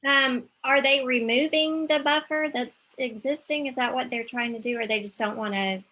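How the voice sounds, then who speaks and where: A woman's voice: high-pitched, steady tone, normal speed, pushed and bright. A woman speaking as a board member, asking casual questions on a video call. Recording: noisy video-call audio with room ambience.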